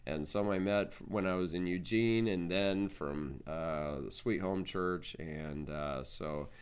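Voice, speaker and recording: Middle-aged pastor, low smooth voice, halting and casual with lots of fillers. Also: male voice. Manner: rambling, halting with many fillers. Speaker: pastor, conference leader. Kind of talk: casual video update.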